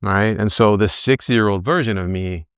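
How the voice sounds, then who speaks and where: A low-voiced man in his early forties coaches a back pain group, giving a casual motivational talk at a moderate pace. His voice is clear, resonant, and fairly bright, and he acts out his thoughts as quotes while tagging points with "right?". The audio is clean studio sound with no room sound.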